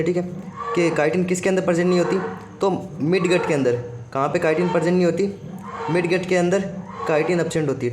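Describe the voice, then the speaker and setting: A man's voice: on the high side, noisy background. Man teaching biology, fillers and self-questions. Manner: repeats "ठीक है" constantly, asks and answers own questions. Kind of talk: exam-prep lesson.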